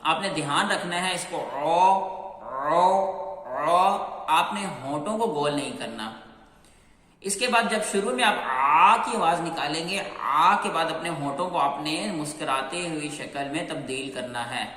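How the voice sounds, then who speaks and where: Bright-voiced man teaching letters in an echoey room. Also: on the high side, animated. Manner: slow, clear, repeats sounds and drawn-out chanted letters. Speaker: Qur'an teacher. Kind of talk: patient step-by-step pronunciation lesson. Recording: echoey room with long reverb.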